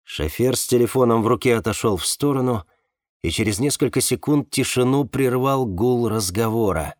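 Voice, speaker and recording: A man narrating a novel in a measured, expressive read. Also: medium pitch, no room sound, studio quality. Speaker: audiobook narrator. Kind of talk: scripted narration.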